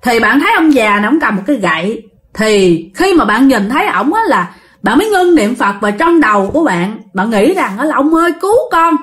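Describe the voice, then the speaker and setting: A woman's voice: on the high side, very animated, brisk, fairly bright tone. Chatty woman telling a ghost story. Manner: chatty, addresses listeners directly. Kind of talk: casual ghost story narration.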